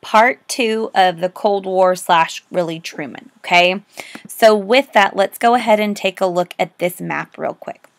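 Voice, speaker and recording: An American woman with a mid-pitched voice speaks as a teacher giving a recorded lesson. She dictates notes to students, stressing and repeating key terms. Her delivery is informal and emphatic, with questions she answers herself. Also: unhurried, no room sound. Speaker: history teacher.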